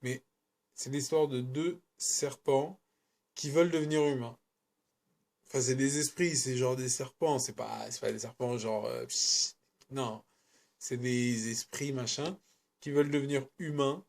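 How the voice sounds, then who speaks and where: A man's voice: mid-range voice, steady tone, unhurried, gravelly, darkish tone. A man giving a casual, rambling film review, often correcting himself and speaking in slang. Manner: rambling, self-correcting, colloquial.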